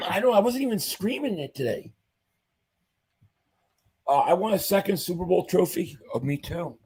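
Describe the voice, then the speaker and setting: A man hosts a casual sports livestream, reading viewer comments aloud with upbeat fan energy even as his voice gives out. His high-pitched, darkish voice is husky and fading, though still animated and at a normal speed.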